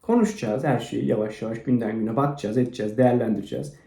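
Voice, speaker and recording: A man hosting his own channel, rambling through a crude, self-mocking monologue that swings from low mumbling to loud rants. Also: racing, vocal fry. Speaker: channel host. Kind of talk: rambling motivational vlog monologue. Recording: roomy echo.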